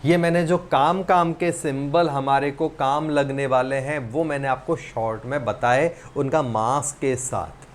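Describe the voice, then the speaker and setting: A man's voice: medium pitch, steady tone. A man teaching a recorded chemistry lesson, reading out element lists and quizzing students with questions he answers himself. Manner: reads lists of elements slowly, one by one.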